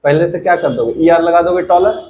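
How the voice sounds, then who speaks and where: A man teaching a class, his voice sitting a touch high for a man. He keeps firing short questions at the students and waits for them to call back the answers. Faint room hum sits behind him. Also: brisk, darkish tone, poor audio. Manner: quizzing students, prompting them to answer together. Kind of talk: classroom grammar lesson.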